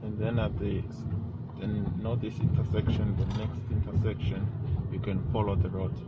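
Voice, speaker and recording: A man's voice: on the low side, flat delivery, moderate pace. A man speaking as a driving examiner, giving short, polite, procedural route instructions from inside a moving car. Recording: dull in-car audio, loud road noise.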